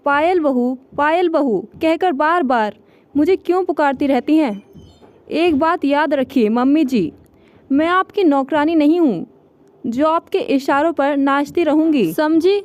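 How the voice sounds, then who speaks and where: A woman's voice: high voice, a little slow, a little mellow. A woman voicing a rude, scheming young wife in a storybook tale, who snaps at her mother-in-law and sweetens up for her husband. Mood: angry.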